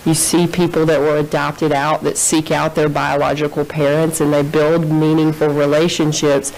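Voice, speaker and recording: A woman's voice: low voice, flat delivery, moderate pace, darkish tone, rough recording. A woman in her thirties giving formal, careful testimony from a courtroom witness stand into a desk microphone.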